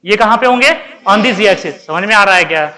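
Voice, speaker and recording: A man teaching chemistry speaks a little fast in a high-sitting, bright, forceful voice. During his lecture he quizzes the class and answers his own questions, reprimanding inattentive students along the way.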